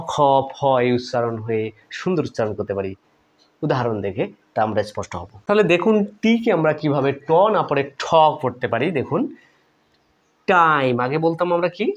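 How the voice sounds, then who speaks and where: A man with a Bangladeshi Bengali accent teaching English pronunciation, who repeats example words several times with stress and asks the viewer questions. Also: mid-range voice. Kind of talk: lesson.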